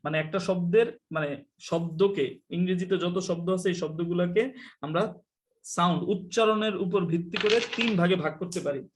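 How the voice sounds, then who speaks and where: A man's voice: high-pitched, normal speed. A man from Bangladesh teaching English in a live online class, chatty and teasing, mixing in English phrases.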